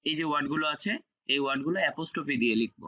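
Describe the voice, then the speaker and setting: Racing through his online lesson, a male French teacher with a very bright, fairly high voice explains things step by step. He repeats key words and checks that students understand, and the audio is dull and lo-fi.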